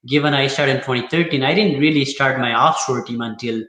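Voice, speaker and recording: A man's voice: medium pitch, fairly quick, fairly bright tone, echoey room, low-quality recording. A man from Nepal, a guest accountant talking casually and hesitantly with many fillers. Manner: hesitant, lots of fillers and restarts. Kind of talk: casual interview talk.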